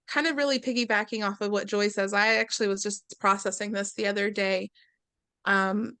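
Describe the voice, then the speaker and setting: A woman's voice: medium pitch, a bit bright, clean tone, no room sound. A woman sharing earnest, reflective thoughts in a community group meeting, with some fillers. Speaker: community arts meeting participant.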